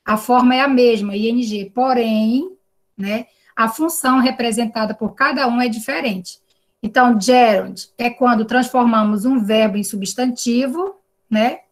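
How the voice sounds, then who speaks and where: A woman's voice: a little high, measured pace. A woman with a Brazilian Portuguese accent teaching an online class over a video call, explaining patiently and often checking in with tag questions. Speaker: English teacher.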